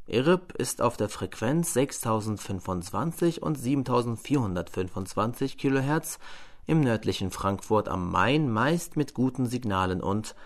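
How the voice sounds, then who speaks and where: A man reading listener letters and a story on air as a radio presenter, in a measured, formal way. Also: medium pitch, creaky.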